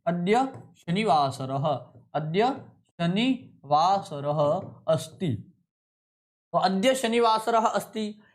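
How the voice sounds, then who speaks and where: A man with a notably high voice lectures on Sanskrit. He drills each term by repeating it slowly and calls his students companions. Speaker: Sanskrit teacher. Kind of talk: classroom lecture.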